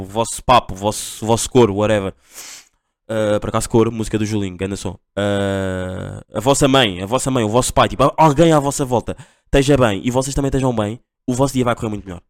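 A man's voice: mid-range voice, no echo, studio quality. A young man with a Portugal accent hosting a casual solo podcast, rambling in slang with constant fillers. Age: young adult. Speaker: podcast host.

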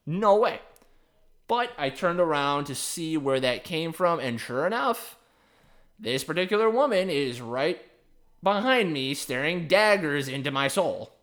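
A man's voice: on the high side, fairly bright tone. A young man hosting a podcast, telling a story in a rambling, wry, profane way. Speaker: podcast host. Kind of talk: casual storytelling.

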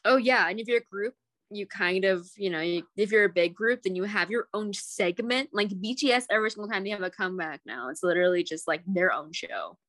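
A young woman co-hosting a podcast, chatting casually in an animated, giggly way with lots of fillers. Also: medium pitch, fairly quick, no room sound. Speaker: podcast co-host. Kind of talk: casual chat.

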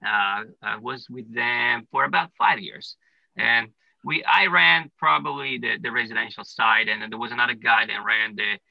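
A gravelly, mid-range voice, pushed and bright, belongs to an Italian-accented man from Italy who owns a plumbing business. At a moderate pace he casually answers interview questions, explaining step by step with many "uh"s and "you know"s. No room sound comes through, and the recording is low-quality.

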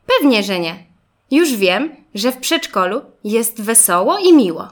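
A woman's voice: a little high, very animated, measured pace. A woman voicing a friendly, reassuring little boy car in a children's storybook, eager and upbeat. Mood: cheerful. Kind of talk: storybook reading.

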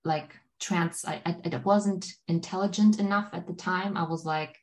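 On a relaxed podcast chat, a guest author from Germany, a native German speaker, tells meandering, filler-laden stories full of "like." She talks at a normal speed with a fairly low, steady voice.

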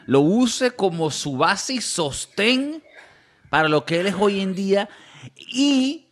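A man's voice: high voice, big pitch swings, slow, slight background noise. A man hosting a podcast, teasing his co-host in casual chat. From Latin America. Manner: teasing, acts out mocking voices.

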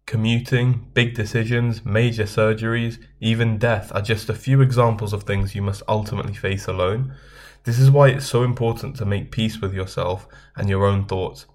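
A man hosting a self-help video, giving earnest, measured advice straight to his viewers. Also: lowish voice, steady tone. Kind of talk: scripted self-help talk to camera.

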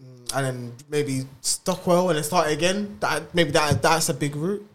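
A man's voice: on the high side, measured pace, fairly bright tone, a little hiss or hum. A young man with a South London roadman accent, bantering casually in thick street slang. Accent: South London roadman, multicultural London English. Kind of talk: casual group chat, heavy street slang.

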